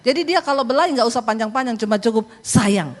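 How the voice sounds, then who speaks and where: A woman pastor, preaching a sermon in a somewhat high voice. She tells stories with animated delivery and slips into the voices of the people she quotes. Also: racing, slight background noise.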